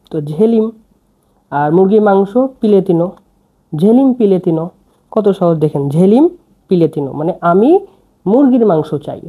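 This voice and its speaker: A very dark, mellow voice gives a slow, patient language lesson. Words come letter by letter and each phrase is said again and again. The pace is unhurried throughout, with steady repetition. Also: mid-range voice. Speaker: language teacher.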